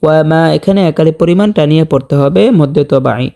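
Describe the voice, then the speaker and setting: A man teaching correct Quran recitation, explaining each rule plainly and then reciting the words slowly and drawn out. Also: a little high, creaky, warm tone. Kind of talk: slow step-by-step tajweed lesson with recited examples.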